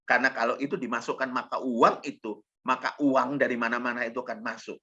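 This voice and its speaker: A male pastor preaching a sermon, shifting from low, quiet storytelling to loud, emphatic preaching and addressing the congregation directly. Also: steady tone, quick pace, breathy edge. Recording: dull, lo-fi sermon recording.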